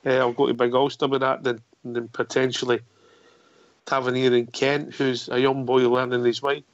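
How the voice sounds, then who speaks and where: A man's voice: mid-range voice, level tone, moderate pace, dry recording. A man casually hosting a football phone-in and passing the discussion between speakers. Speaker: phone-in host. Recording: dull, dry lo-fi audio.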